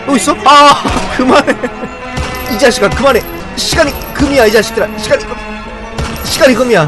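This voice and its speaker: Excitable high-pitched male gaming streamer. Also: quick pace, music in the background. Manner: excitable, repeats phrases. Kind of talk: live gameplay commentary.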